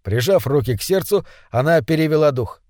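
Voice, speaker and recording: Brief: male storyteller, slightly high voice, measured delivery, dry recording. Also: lively intonation, mellow, no room sound. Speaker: narrator. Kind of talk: scripted story narration.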